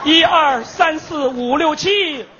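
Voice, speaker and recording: A man playing a mock-solemn male street fortune teller who chants slow rhythmic verses, in a stage comedy routine. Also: very high voice, bright, forceful tone, muffled recording, slight background noise, heavily acted. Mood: chanting.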